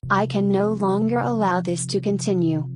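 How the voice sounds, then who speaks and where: A woman voicing a serene female spirit of light and hope, speaking calmly and earnestly over faint music. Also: medium pitch, normal speed, close to an everyday voice. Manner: calm, earnest, solemn appeals. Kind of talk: dramatic spoken-word monologue.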